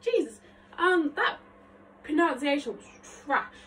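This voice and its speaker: Young woman, slightly phlegmy, rambling self-mocking chat, fairly high voice, a bit distant from the mic. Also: normal speed, noisy background. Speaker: vlogger. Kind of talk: casual vocal warmup vlog.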